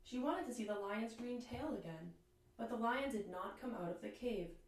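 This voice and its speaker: A teacher with a fairly high voice reads a children's picture book aloud to young listeners, phrasing each line expressively and deliberately. She is a little away from the mic in a very echoey room.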